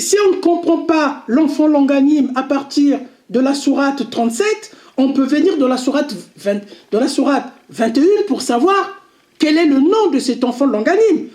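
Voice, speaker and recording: High, slow woman with an Arabic accent. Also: dark tone, reverberant. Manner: deliberate, checks in with listeners, repeats key points. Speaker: religious video commentator. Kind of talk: slow explanatory religious lesson.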